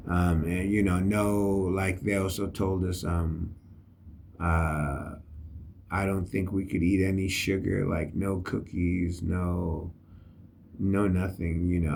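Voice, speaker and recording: A man's voice: sits low, creaky, darkish tone, a little hiss or hum. A middle-aged man, an army veteran, telling a story in a casual, rambling way with many fillers. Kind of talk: casual spoken reflection.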